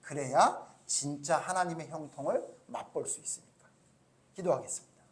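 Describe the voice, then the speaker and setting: A man's voice: sits high, expressive, moderate pace. A middle-aged male pastor giving a children's sermon, telling a story and asking the children questions.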